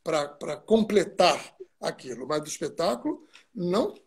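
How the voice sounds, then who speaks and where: A man's voice: a little high, sing-song, unhurried, husky. A man from Brazil, a guest stage actor in a video-call interview, recalls his work at length with asides and digressions. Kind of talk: reflective interview storytelling.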